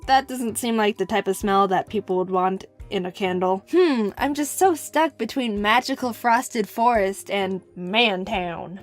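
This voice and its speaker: A young woman narrating funny personal stories, sarcastic and expressive, with sudden high yells. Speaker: animator and narrator. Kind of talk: comedic storytime narration.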